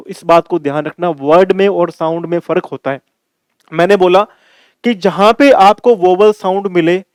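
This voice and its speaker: A man's voice: on the high side, a little mellow, clean tone, no echo. A man teaching an English grammar lesson in a classroom style, calling viewers his dear children and repeating points for emphasis.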